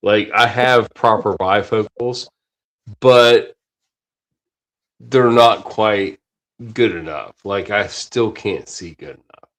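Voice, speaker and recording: A podcast host in his 40s, close to fifty, rambles through a casual chat, swearing freely and stumbling over restarts. His fairly low, slightly bright voice moves slowly, with long pauses.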